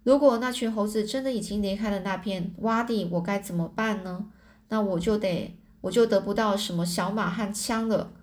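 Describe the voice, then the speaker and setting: Woman reading a story out loud, middle pitch, keeps restarting lines. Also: moderate pace. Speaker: storybook reader. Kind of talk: reading a translated novel aloud.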